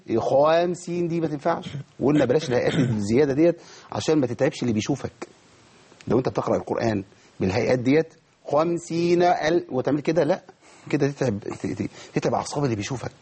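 Egyptian guy teaching tajweed, husky voice, talks real fast, keeps quizzing the students. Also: medium pitch. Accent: Egyptian Arabic. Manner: lively, quizzes students and models pronunciations. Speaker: Quran recitation teacher. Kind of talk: tajweed lesson to a class.

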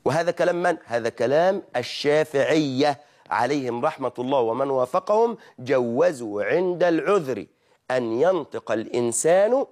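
Animated Egyptian preacher, fairly high voice. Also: male voice. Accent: Egyptian Arabic. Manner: animated teaching, mimics wrong pronunciations, asks and answers own questions. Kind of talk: religious lesson.

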